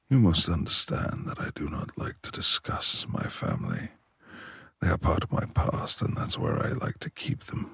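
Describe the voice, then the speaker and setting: A man fully plays a reclusive, brooding beast-like lord in romantic ASMR roleplay, a proud, courteous figure with a quick temper who speaks in formal, old-fashioned terms. His gravelly, husky voice is low-pitched and a bit bright, gentle and apologetic in mood, on a dry recording.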